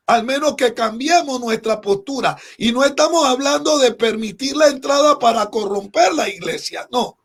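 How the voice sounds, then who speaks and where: A man's voice: extremely high pitch, vocal fry. A man on a religious talk show panel, telling a story in an earnest, emphatic way.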